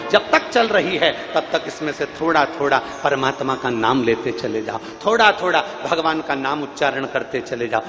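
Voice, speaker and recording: A man's voice: a little high, fairly bright tone. A man preaching a devotional sermon to a large gathering, emphatic and repetitive, at times breaking into sung lines. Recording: long hall reverb with faint music.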